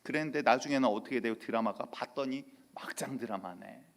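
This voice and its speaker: A male pastor delivering a sermon in church, telling lively stories and acting out quotes. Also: medium pitch, fairly quick, vocal fry. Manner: lively storytelling with acted-out quotes.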